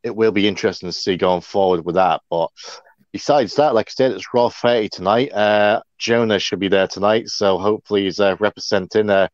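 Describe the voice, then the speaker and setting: A man's voice: fairly low pitch, steady tone, a little fast, no echo. A man co-hosting a casual livestream chat, rambling and chatty. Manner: chatty, rambling, many fillers. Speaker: co-host. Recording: dull lo-fi dry sound.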